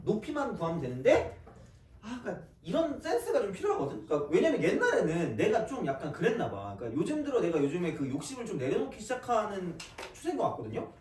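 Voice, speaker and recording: A man teaching math with a casual, joking manner, his voice swinging high and wide. He is picked up from across the room, with echo from the classroom walls. Faint background noise sits under his voice. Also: a little mellow. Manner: casual, joking, talks straight to students with quick asides. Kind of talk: recorded classroom math lecture. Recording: echoey classroom, mic at a distance.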